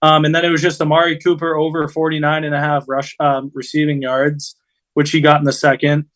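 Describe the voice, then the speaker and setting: Man, slightly high voice, casual sports chat, rambling, slangy. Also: monotone, a little fast, a bit bright. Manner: informal, slangy, rambling storytelling. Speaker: podcast co-host.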